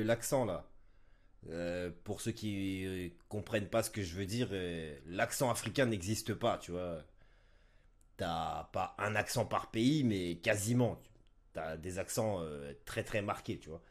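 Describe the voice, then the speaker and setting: A man's voice: lowish voice, a little slow, a little mellow. A man streaming a reaction, commenting casually and thinking aloud with hesitations. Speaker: streamer reacting to a rap battle.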